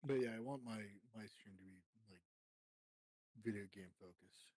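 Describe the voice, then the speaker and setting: Husky low-voiced man, casual and profane. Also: moderate pace, mellow, no echo, poor audio. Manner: profane, rambling, lots of fillers. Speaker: guest streamer, gamer. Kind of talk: casual chat.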